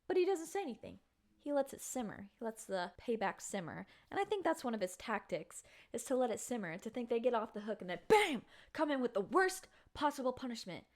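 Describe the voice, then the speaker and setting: A woman talking casually to her camera in a chatty, slangy spoiler review of a book. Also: a little high. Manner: chatty, slangy, animated storytelling. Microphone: camera mic.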